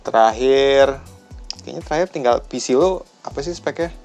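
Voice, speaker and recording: Young guy hosting, chill, lots of short yeahs, middle pitch. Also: normal speed, darkish tone, dull audio, faint music behind. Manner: easygoing, short agreeing replies. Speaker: host. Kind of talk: casual interview.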